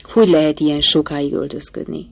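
A woman reading the lines of an impatient, brusque gentleman bridegroom who gives curt, commanding orders. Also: deep voice, steady tone, creaky, no echo.

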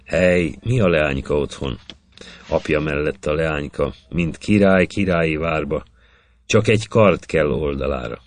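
A man with an extremely deep voice recites an epic poem. He lets each line of verse fall into a measured, rhythmic beat. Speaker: poetry reader.

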